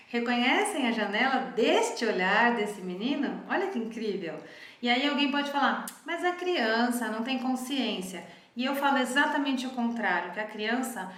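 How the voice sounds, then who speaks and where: Woman therapist, calm explanatory talk, somewhat high voice, echoey room. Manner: calm, explanatory, often adds "né?". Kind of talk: reflective teaching talk.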